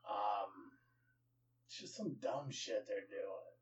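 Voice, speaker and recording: A man's voice: lowish voice, expressive, takes it slowly. A man co-hosting a casual wrestling podcast, rattling off match results with energy and casual swearing. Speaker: podcast co-host. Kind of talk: casual wrestling recap chat. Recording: muffled sound from a distant mic.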